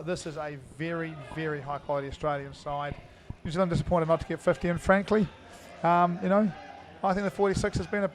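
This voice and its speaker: Chatty male cricket commentator, high voice. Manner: chatty, filler-heavy, bursts into loud greetings to viewers. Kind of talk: live sports commentary. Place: indoor cricket arena.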